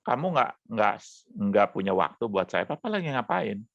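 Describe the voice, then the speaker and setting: A man's voice: on the low side, big pitch swings, normal speed, creaky, no echo, lo-fi sound, heavily acted. A man voicing his own young child asking why his busy father has no time for him. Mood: pleading.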